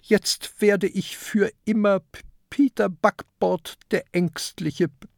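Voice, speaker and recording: Narrator doing a tiny stammering pirate boy, high and squeaky, storybook audiobook. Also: steady tone, slow pace, vocal fry, dry recording, clean studio sound. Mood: sobbing. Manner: stutters on first sounds. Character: small anxious boy pirate who stutters.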